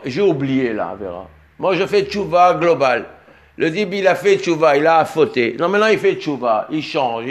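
A man teaching an animated Torah lesson, reading Hebrew sources and explaining them with emphatic bursts. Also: on the high side.

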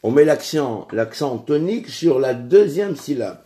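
A man teaching a religious lesson, speaking in a measured way with frequent restarts and pauses, lifting his voice on the key words and questions. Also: mid-range voice, lively intonation, warm tone.

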